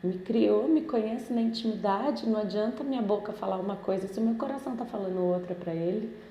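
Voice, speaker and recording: A woman's voice: mid-range voice, brisk, warm tone, reverberant, a little hiss or hum. A woman with a Brazilian Portuguese accent leading a Spiritist study group in a chatty way, often turning to her listeners for agreement. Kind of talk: informal religious study talk.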